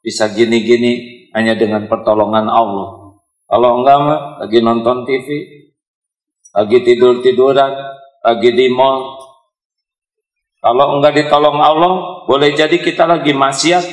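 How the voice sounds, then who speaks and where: A middle-aged man preaches in an echoey hall before a live audience. He mixes humble prayer with humor, teases listeners, and acts out little quarrels in other voices. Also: mid-range voice. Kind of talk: sermon.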